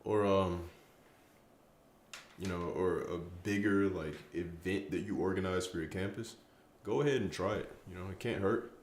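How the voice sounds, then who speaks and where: Tired deep-voiced man streaming late. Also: moderate pace, echoey room. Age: young adult. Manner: rambling, self-mocking trash talk with stumbles. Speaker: streamer answering chat. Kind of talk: casual late-night stream chat.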